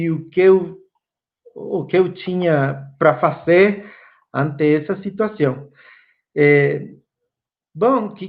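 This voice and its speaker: Lecturing for an online course, this native Spanish speaker from Guatemala talks with a Guatemalan accent, slowly and thoughtfully, filling gaps often. His voice sits a little high. The audio is narrow and tinny.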